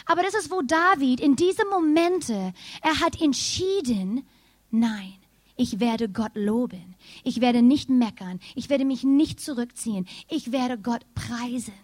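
Animated woman preaching, German. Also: high-pitched, unhurried, dry recording. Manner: animated storytelling, addresses congregation directly. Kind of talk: sermon with personal story.

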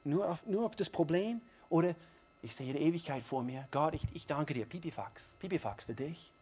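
A man preaching a sermon, emphatic and repetitive, moving from hushed passages to loud, driving emphasis. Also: fairly high pitch, lively intonation, normal speed, husky. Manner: emphatic, repeats phrases, builds from hushed to loud.

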